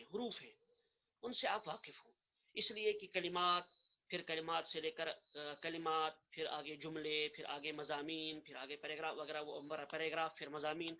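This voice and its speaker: A man teaching an online course, earnest, repeating his points and reciting the letters slowly, in a dull lo-fi recording. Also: on the high side, pushed and bright, a little hiss or hum. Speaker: Arabic grammar teacher. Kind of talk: online lecture.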